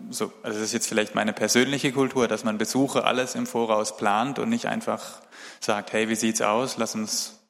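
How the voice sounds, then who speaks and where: A man from Baden in Germany, answering questions in front of a church congregation in short, relaxed replies. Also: lowish voice, moderate pace, gravelly, few pauses. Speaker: congregation member interviewed. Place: church service hall. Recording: long hall reverb.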